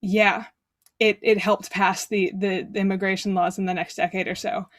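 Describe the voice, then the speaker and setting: A woman's voice: medium pitch, little pitch movement, normal speed, dry recording, studio quality. Young woman hosting a casual podcast. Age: young adult. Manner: conversational, with frequent restarts. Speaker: podcast host.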